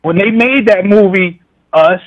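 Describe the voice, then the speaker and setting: A man with a high-pitched voice talks as a caller on a radio show. His delivery is casual and slangy, and he keeps checking in with tags like "you know.". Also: measured pace, highs cut off. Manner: slangy, conversational, repeats "you know what I'm saying". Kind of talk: casual call-in monologue.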